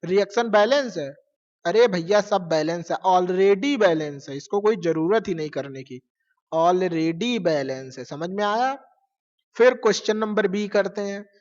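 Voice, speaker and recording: A male science teacher giving a casual class lecture, asking questions and answering them himself, repeating key words and mixing in English terms. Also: high voice. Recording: lo-fi with long reverb.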